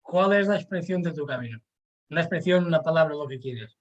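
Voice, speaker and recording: A man's voice: fairly high pitch, lively intonation, fast, muffled recording. A man hosting an interview, asking questions with enthusiasm. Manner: enthusiastic, laughs often. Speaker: interviewer host.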